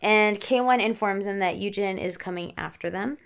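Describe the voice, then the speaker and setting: A woman's voice: medium pitch, moderate pace, vocal fry, clean tone. A woman podcast co-host chatting casually and informally, with some offhand swearing. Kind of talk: casual chat.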